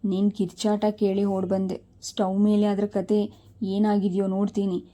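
A woman voicing a busy middle-aged mother who scolds her daughter in a flat, dark, mellow voice. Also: medium pitch, normal speed, lightly acted. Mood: scolding. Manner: impatient, scolding.

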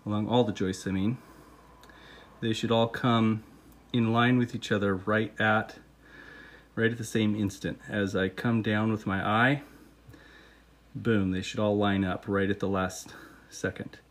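Measured and lowish, with long pauses, the voice belongs to a man in his thirties calmly explaining a home renovation while filming on a phone he often holds as he works. His instruction is casual and step by step with fillers, first from a car, then inside the house under renovation.

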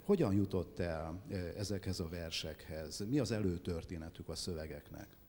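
A man moderating a literary event, interviewing an author in measured, thoughtful phrases. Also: low-pitched, a little mellow. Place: library event hall. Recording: long hall reverb, faint noise.

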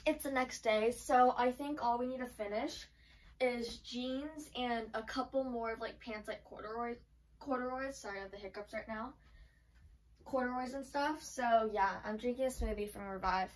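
A chatty woman vlogger talking through a clothing try-on, her speech full of "like" fillers. Her voice sits fairly high, and she is heard from a little way off the mic. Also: normal speed, recorded from a distance, poor audio. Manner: chatty, filler-heavy with frequent "like". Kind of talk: casual try-on haul chat. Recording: voice from away from the mic.

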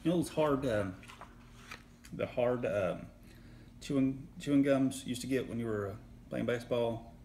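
A man's voice: medium pitch, moderate pace, pauses often, a little mellow, slight background noise. A man with an East Tennessee accent, tasting snacks in casual chat, joking and hunting for words. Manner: joking, rambling, hunts for words. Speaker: co-host taste tester.

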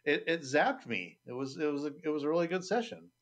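A man's voice: on the high side, very animated, fast talker, muffled recording, a crowd in the background. A man co-hosting a podcast, casual and joking, a bit sheepish. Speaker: podcast co-host. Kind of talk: casual chat.

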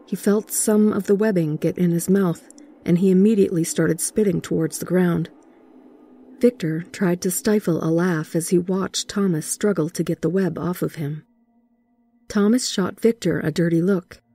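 Mellow, low woman narrating horror. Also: steady tone, normal speed, husky. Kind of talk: scripted horror story narration.

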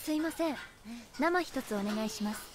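Makima, a calm composed boss. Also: female voice, sits high, moderate pace, background noise. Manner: calm, soft and even. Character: calm, composed female superior, quietly controlling. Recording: anime soundtrack with music behind.

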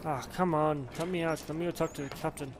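A man's voice: a little high, steady tone, fast talker, noisy background. A man giving casual, rambling commentary while playing a game, muttering and mildly cursing to himself. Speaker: gaming commentator. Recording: loud game music behind.

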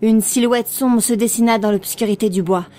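A woman reading an audiobook in a steady, expressive storytelling manner. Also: a little high, normal speed, soft background music. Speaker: audiobook narrator. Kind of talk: scripted audiobook narration.

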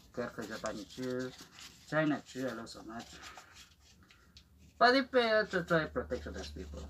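A man talks through a gas mask as he unboxes it, his voice muffled by the mask. He speaks halting, rambling non-native English, restarting his sentences often, with a middling pitch over a faint hiss. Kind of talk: casual unboxing commentary.

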